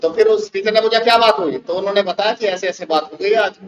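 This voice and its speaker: A high-pitched Indian male teacher spins a school anecdote for his students, warmly animated. The sound is dull and lo-fi, with a faint hiss underneath. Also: fast. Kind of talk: classroom storytelling. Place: classroom.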